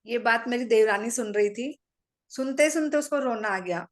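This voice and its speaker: A middle-aged meditation practitioner shares her personal testimony with an audience, her voice slightly high and her pace normal. Calm and matter-of-fact, she slips into lines of dialogue she remembers saying.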